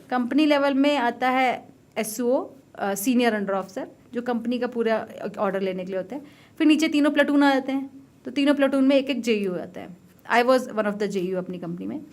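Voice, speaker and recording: A woman's voice: on the high side, fairly quick. A woman in her thirties, an army officer guest, telling stories animatedly, laughing often and mixing in English. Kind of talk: casual interview storytelling.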